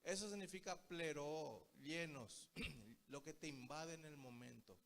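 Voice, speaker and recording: Preacher, story-driven sermon. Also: male voice, a little high, unhurried, gravelly, fairly bright tone. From Paraguay. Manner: storytelling, keeps addressing the listeners as brothers. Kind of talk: Bible study sermon.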